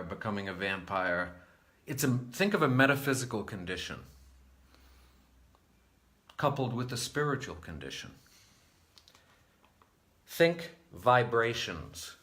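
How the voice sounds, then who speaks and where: A man from New England giving a slow, deliberate spiritual monologue to his viewers, moving between lively and hushed passages. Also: mid-range voice. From New England, United States. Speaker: vlogger.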